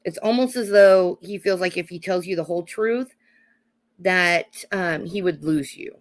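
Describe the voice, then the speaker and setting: A woman with a cold, her voice going hoarse, giving live psychic card readings and calling her viewers honey and darling while checking in with "okay?". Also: lowish voice, a little slow. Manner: calls viewers honey and darling, adds "okay?" tag questions.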